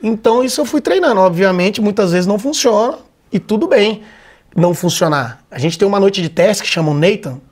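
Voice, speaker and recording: Guesting on a casual podcast, this stand-up comic from Vitória, Brazil, keeps things relaxed and easygoing. He speaks a little quickly in a notably high voice, using loose slang and plenty of swear words.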